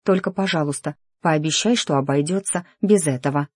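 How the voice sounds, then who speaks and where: A reader voicing an emotional young noblewoman in an audiobook, speaking in a pleading, higher voice. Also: brisk, no room sound, lightly acted. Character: young noblewoman, agitated and hurt. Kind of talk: audiobook character dialogue.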